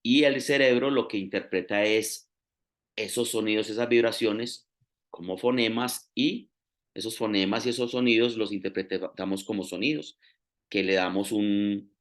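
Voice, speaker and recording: A man's voice: fairly low pitch, fairly even intonation, moderate pace. Man preaching a teacherly sermon. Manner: teacherly, explains step by step, rising emphasis on key phrases.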